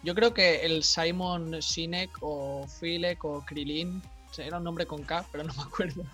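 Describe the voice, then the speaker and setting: Relaxed man, podcast co-host. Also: fairly high pitch, normal speed, soft background music. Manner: relaxed, jokey asides. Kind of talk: casual podcast chat.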